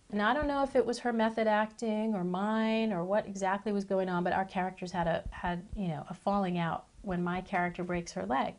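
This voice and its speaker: A woman's voice: medium pitch, a little mellow. Chatty middle-aged woman reminiscing. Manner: chatty, self-deprecating, playful asides. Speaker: former child actress interviewee. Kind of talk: reminiscing interview.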